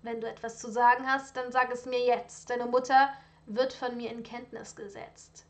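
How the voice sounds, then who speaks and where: A woman's voice: a little high, flat delivery, normal speed, close to an everyday voice. Woman voicing a haughty aristocratic father. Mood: disdainful. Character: haughty older aristocratic father, contemptuous and cold. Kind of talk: storybook reading.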